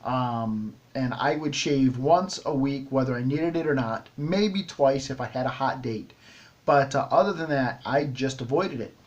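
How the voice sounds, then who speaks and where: A man's voice: mid-range voice, measured pace, a little mellow, lo-fi sound. A middle-aged man hosting a shaving vlog, talking casually to camera with many ums and restarts. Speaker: shaving video host.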